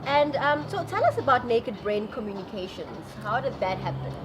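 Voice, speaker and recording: A woman's voice: a little high, very animated, normal speed, rough recording. A woman hosting a conversational interview in an effusive, gushing manner. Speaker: show host, interviewer. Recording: music under the talk. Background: music.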